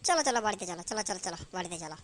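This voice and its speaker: A woman's voice: fairly low pitch, sing-song, very fast. A woman voicing a cheeky young newlywed son in a comic cartoon, brash and taunting toward his father. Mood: defiant.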